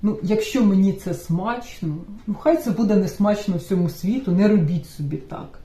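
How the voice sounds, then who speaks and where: Mellow-voiced woman chatting. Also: medium pitch, moderate pace, roomy sound, recorded from a distance. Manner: relaxed and chatty, with frequent filler sounds and restarts. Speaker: vlogger. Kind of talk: casual personal vlog monologue.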